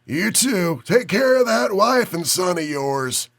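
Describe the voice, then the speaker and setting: An audiobook narrator voicing a sick old man from Chicago who talks through coughs with a raspy voice. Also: high-pitched, very animated, takes it slowly, a bit bright, voice pushed up, full character voice. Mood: gruff teasing.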